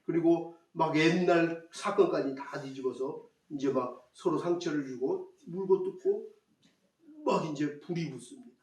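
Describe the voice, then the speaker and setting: A male pastor with a high voice preaches a sermon and keeps putting questions to his congregation. He repeats his key phrases to drive them home. The sound is roomy and echoing, picked up from some distance away in a church. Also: measured pace, darkish tone. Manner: asks the congregation rhetorical questions. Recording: echoey church hall, mic at a distance.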